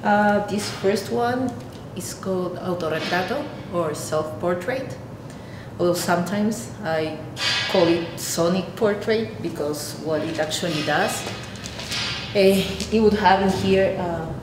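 Speaking to camera about her art, a thirties-aged artist from Peru hesitates and hunts for the right words in her Peruvian Spanish accent. The room echoes, and a distinct rumble runs underneath.

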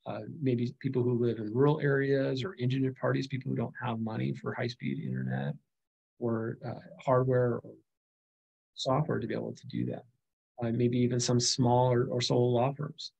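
A man's voice: mid-range voice, normal speed, gravelly, a little mellow, husky, muffled recording. A middle-aged man giving a recorded slide lecture on legal studies, speaking conversationally with frequent fillers and restarts.

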